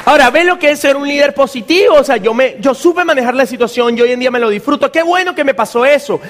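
A man's voice: extremely high pitch, quick pace, big-room sound, a faint crowd. A man, a motivational speaker telling a comic story to an audience and acting out the other people's voices. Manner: lively, acts out the voices of others.

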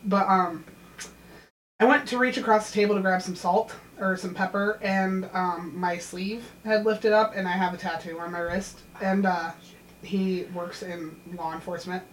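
A woman's voice: medium pitch, steady tone, normal speed, echoey room, slight background noise, poor audio. A woman in her thirties in casual chat, telling stories and laughing as she talks. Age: 30s. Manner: storytelling, laughs through her words.

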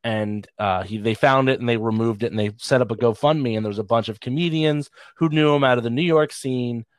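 A man's voice: mid-range voice, a little fast, no room sound. A man, a comedian, telling rambling, self-deprecating stories in a casual podcast chat. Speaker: comedian guest.

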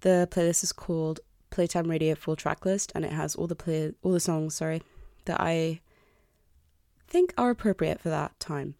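Female podcast host, early 20s. Mellow and deep, self-deprecating and candid, recorded close and dry. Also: moderate pace, dry recording. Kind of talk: confessional solo podcast talk. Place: bedroom. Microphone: close podcast microphone.

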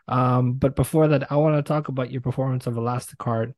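A man from Brooklyn with an American accent, interviewing on a podcast in an effusive, halting way. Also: medium pitch, steady tone, a little mellow, dry recording. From Brooklyn, New York. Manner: effusive, halting delivery with repeated words.

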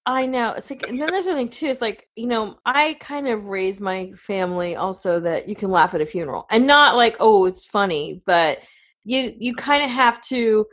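A woman's voice: a little high, moderate pace, a bit bright. A middle-aged woman co-hosting a radio talk show, telling family stories in a chatty way with lots of fillers. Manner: chatty, storytelling, many fillers. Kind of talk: casual chat.

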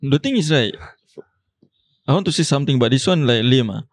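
A man's voice: mid-range voice, lively intonation, brisk, no room sound. A young man with a Singaporean accent in a casual Singlish chat with Malay slang, insistent and repeating words to cut in. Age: young adult.

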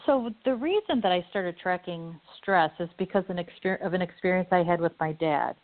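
A woman with a Midwestern accent hosting a conversation, telling a personal story in an earnest, animated way. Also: on the low side, a little fast. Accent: Midwestern American. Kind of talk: conversational interview. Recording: phone-like lo-fi line.

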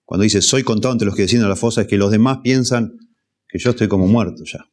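A man preaching an expository sermon, measured and repeating key phrases for emphasis. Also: lowish voice, a little mellow. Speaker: pastor.

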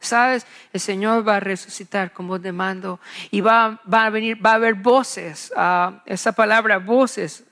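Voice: mid-range voice, steady tone, measured pace, pushed and bright. A preacher giving an expository Bible sermon, emphatic, repeating key phrases and asking rhetorical questions.

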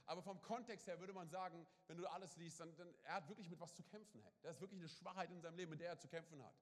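Guy preaching a lively sermon, kinda high voice, big echoey church hall. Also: racing. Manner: lively, punctuates with "hey", "come on" and "oder?"; acts out little quoted scenes. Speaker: pastor. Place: church service.

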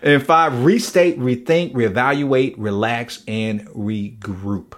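A man's voice: medium pitch, slow. A man hosting a faith talk show, earnestly recapping his guest's points and often repeating his words as he talks. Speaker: podcast host. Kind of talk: conversational interview.

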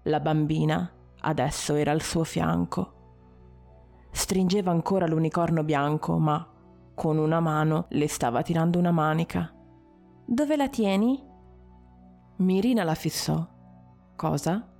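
A woman narrating a story in a measured way, with short dramatic pauses. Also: low-pitched, flat delivery, creaky, a little mellow, soft background music.

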